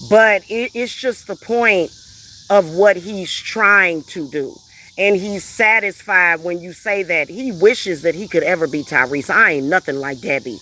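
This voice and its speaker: A woman's voice: lowish voice, unhurried, pushed and bright, a little hiss or hum. A woman vlogger ranting in a heated, emphatic, profane way, repeating herself for emphasis. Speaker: vlogger and spiritual reader. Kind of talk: heated personal rant.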